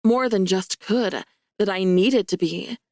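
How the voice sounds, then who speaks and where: Casting: a wry, lively woman narrating a romance audiobook, mid pitch, dry close mic. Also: takes it slowly, no room sound. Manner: wry, lively and self-mocking.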